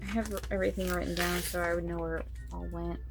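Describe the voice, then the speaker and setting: A woman who runs a budgeting vlog, thinking aloud in a fairly monotone way as she counts bills under her breath. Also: lowish voice, fast, vocal fry, music in the background. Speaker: budgeting vlogger. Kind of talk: casual talk while counting cash.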